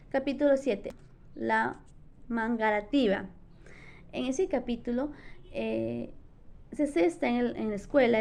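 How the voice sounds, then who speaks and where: Young woman with a gravelly voice. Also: a little high, mellow. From Peru. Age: young adult. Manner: retells the plot with frequent restarts. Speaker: education student. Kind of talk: book summary narration.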